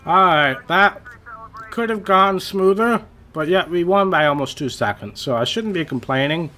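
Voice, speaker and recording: A young man giving casual, rambling commentary over his racing game, a little hoarse and self-deprecating, with many fillers. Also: a little high, normal speed, bright, forceful tone. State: slightly losing his voice. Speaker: gaming channel host.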